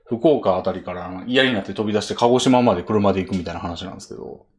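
A man's voice: fairly low pitch, racing. A man with a Kansai accent hosting a casual chat podcast, enthusiastic and laughing often. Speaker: podcast host.

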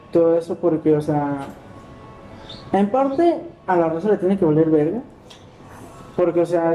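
A man's voice: fairly high pitch, warm tone, slight background noise, poor audio. A man with a Mexican accent hosting a casual podcast chat, rambling and full of slang and fillers. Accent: Mexican Spanish. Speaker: podcast host.

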